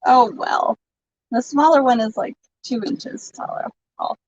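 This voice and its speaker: A woman's voice: a little high, measured pace, a little mellow, dry recording. A woman hosting a live online vintage sale, chatting casually and laughing often as she shows items. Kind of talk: casual live-stream selling chat. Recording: dull lo-fi stream audio.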